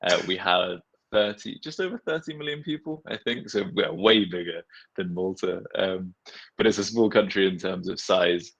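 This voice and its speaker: Deep husky guy from nepal on a design panel, earnest, kinda lo-fi call sound. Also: normal speed, a bit bright. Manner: earnest, reflective, uses casual fillers. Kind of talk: casual panel discussion. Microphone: video call. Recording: dull, lo-fi video call audio.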